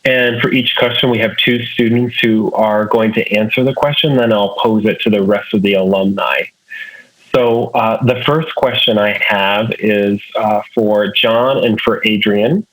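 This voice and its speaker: A man's voice: on the low side, fairly even intonation, unhurried, fairly bright tone, low-quality recording. A man hosting an alumni panel over a video call, introducing speakers and posing questions in a friendly, methodical way. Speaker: international student advising director, panel host.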